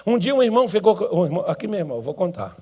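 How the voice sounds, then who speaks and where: A Brazilian male pastor preaching a sermon in church, swinging between drawn-out shouted cries and low, quick asides. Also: sing-song, slightly rough.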